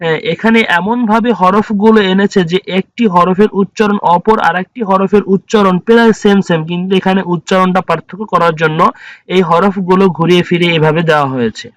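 A man teaching Quran reading, patiently spelling out letters and their vowel sounds one by one in a slow drill. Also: high voice, fairly even intonation, no room sound. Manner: patient, drawn-out letter-by-letter recitation.

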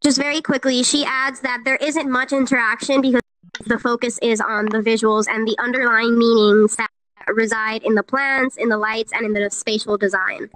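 A woman's voice: fairly high pitch, flat delivery, normal speed, fairly bright tone, no echo, low-quality recording. A woman co-hosting an online event, relaying comments from the chat in a casual, chatty way. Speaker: co-host reading chat comments. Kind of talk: casual live-stream chat.

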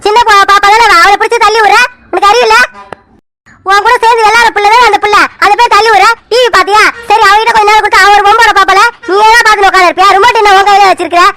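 A woman voicing a quarrelsome aunt in an animated joint-family drama, scolding sharply. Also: very high voice, very fast, slight background noise, exaggerated voice. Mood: angry scolding.

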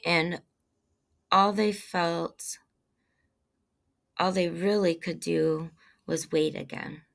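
A woman reading a story aloud as narrator in a steady, plain manner. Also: lowish voice, drawn-out words, gravelly.

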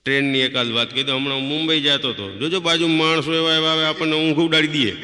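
A man's voice: a little high, steady tone, quick pace, pushed and bright. A man doing stand-up comedy, telling funny stories and acting out the people in them. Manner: storytelling, acting out quoted people. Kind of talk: live stand-up joke telling. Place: stage before an audience. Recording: live stage recording with long reverb.

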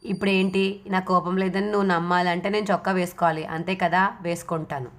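A woman's voice: fairly low pitch, little pitch movement, fairly quick, close to an everyday voice. A woman reading the part of a stubborn young husband who speaks curtly and dismissively.

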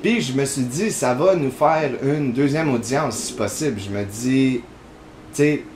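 A man's voice: medium pitch, unhurried, a little mellow, echoey room, slight background noise. A man with a Quebec French accent, hosting casual gameplay commentary in a chatty, rambling way full of fillers. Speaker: gaming channel host.

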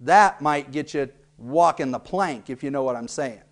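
A man's voice: mid-range voice, moderate pace. Jokey man hosting a cable TV segment. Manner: jokey, playfully exaggerated delivery. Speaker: local cable TV segment host. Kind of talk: humorous explainer monologue.

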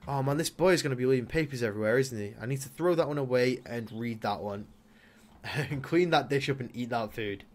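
A young man gives loose, joking commentary over a game he is playing. His voice sits at an ordinary mid pitch, and he coaxes his character along with sudden loud outbursts. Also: fairly quick. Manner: chatty, talks to his Sim, bursts into loud exclamations. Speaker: gaming YouTuber. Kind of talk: casual Let's Play commentary.

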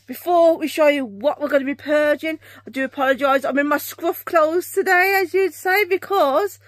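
Brief: young British woman, high bright voice, rambling home vlog co-host, talks to the camera. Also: normal speed, dry recording. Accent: British English. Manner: chatty, rambling, self-correcting. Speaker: channel co-host. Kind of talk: casual collection vlog. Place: home room with game shelves.

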